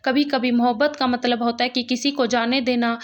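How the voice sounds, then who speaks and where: A woman voicing a gentle, sorrowful young male ghost lover in a spoken storybook, speaking softly. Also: a little high, flat delivery, moderate pace, lightly acted. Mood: sad, gentle. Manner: soft, quiet delivery.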